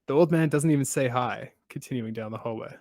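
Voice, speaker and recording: Male podcast host, casual recapper with deadpan asides, dry close sound. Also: medium pitch, brisk, no echo. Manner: steady storytelling with dry asides.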